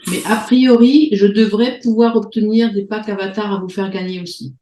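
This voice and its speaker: Femme, animatrice de réunion en ligne, voix douce et feutrée, hésitante, son d'appel vidéo qui résonne. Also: female voice, mid-range voice, steady tone, normal speed, warm tone, echoey room, low-quality recording. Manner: hesitant, many fillers and restarts. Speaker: host of an online meeting. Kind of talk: casual presentation on a video call. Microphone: video call.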